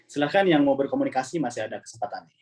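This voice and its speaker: A man teaching an online Arabic class over a video call, relaxed and chatty, often repeating words as he explains. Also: mid-range voice, racing.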